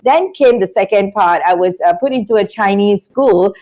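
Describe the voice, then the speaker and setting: On a video-call interview, a middle-aged Singaporean woman who founded a business school tells her life story as the guest, with a lapel mic in a small room. Her medium-pitched voice runs at normal speed on a muffled recording, and her storytelling is animated, full of hand gestures.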